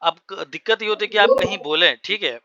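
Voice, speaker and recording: A man teaching a spoken English class for Hindi speakers, explaining words slowly and spelling them out. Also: high-pitched, sharp tone, highs cut off.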